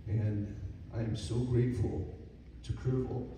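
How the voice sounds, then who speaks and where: Slow, halting man in an echoey hall. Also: medium pitch, steady tone, warm tone. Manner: hesitant, with many fillers and restarts. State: voice cracking with emotion. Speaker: guest speaker at a dedication. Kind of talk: halting personal speech. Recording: echoey hall, mic far off, noisy.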